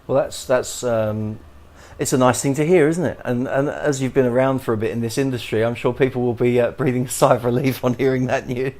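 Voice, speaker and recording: A man with an English accent hosting a podcast interview, talking haltingly with many restarts. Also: mid-range voice, fairly even intonation, a little mellow. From England. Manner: halting, many restarts and fillers, chuckles often. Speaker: podcast host.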